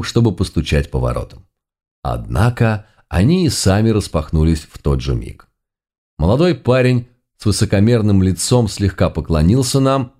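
A man's voice: sits low, a little mellow. A man reading a first-person story aloud in a wry, conversational way. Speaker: audiobook narrator. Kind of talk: first-person audiobook narration.

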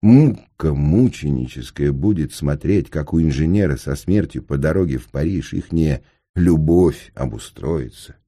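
A man narrating an audiobook in an expressive, vivid storytelling manner. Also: extremely low pitch, unhurried, slightly rough.

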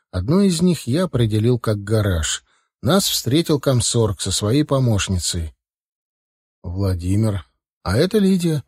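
A man narrating a first-person audiobook. His delivery is even and wry, set at an ordinary middle pitch for a man. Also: slightly rough.

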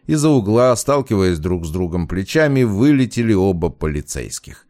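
A man narrating a first-person audiobook in a measured, dramatic way. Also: sits low, sing-song, a little mellow, dry recording, clean studio sound.

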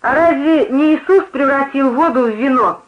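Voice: high-pitched, normal speed, pitched above the performer's own voice, natural voice. A tipsy drunkard heckling with mocking retorts as a reader plays him. The recording sounds dull and lo-fi. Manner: mocking, argumentative. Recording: muffled lo-fi recording.

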